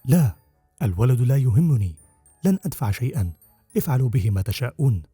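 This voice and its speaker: A man voicing a greedy, cold old uncle with a hoarse voice, speaking grudgingly and sharply. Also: medium pitch, big pitch swings, quick pace, warm tone, no room sound, faint music behind. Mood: dismissive. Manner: grudging, snappish.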